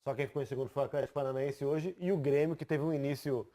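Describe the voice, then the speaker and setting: A man presenting a TV sports analysis in a studio, explaining lively and pointing at graphics. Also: medium pitch, fast talker.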